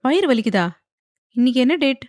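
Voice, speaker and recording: A man's voice: very high voice, lively intonation, moderate pace, no room sound, pitched above the performer's own voice. Woman doing a wry, teasing husband in an audio romance, offhand, dry close recording. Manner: mocking, offhand.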